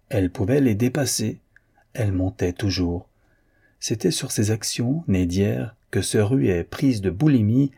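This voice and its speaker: A man narrating an audiobook in a measured, even literary reading. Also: fairly low pitch, slightly rough. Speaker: audiobook reader.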